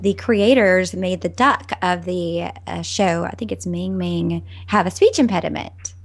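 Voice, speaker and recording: Woman, young adult co-host, gravelly edge, giggly and rambling. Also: on the low side, measured pace. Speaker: podcast co-host. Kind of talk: casual chat.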